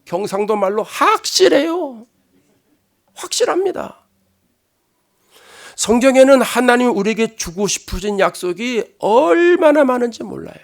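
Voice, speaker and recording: Korean pastor guy preaching, high voice with lots of gravel, swings from loud to hushed. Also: expressive, fairly quick, few pauses. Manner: emphatic, conversational preaching with sudden loud and hushed passages. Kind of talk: sermon.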